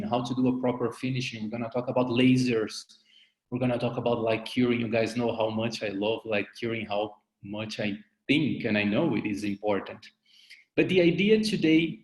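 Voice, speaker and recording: A man from Brazil, a dentist giving an online lecture, halting and repeating words as he goes. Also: medium pitch, echoey room. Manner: halting, repeats words, loose non-native grammar. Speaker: dentist presenting cases.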